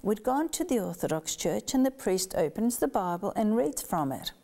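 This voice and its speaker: Middle-aged woman interviewee from Yugoslavia; low gravelly voice, mellow tone, lively storyteller who acts out quotes. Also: normal speed. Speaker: guest.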